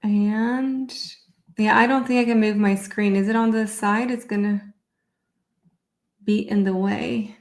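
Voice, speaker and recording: A woman's voice: medium pitch, fairly even intonation, unhurried, long pauses, darkish tone, echoey room. A woman raised in Brazil, hosting a live online session as a therapist, chatty and upbeat while she sets up her screen. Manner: chatty and upbeat, thinking aloud while fixing screen sharing. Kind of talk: casual live-stream presentation.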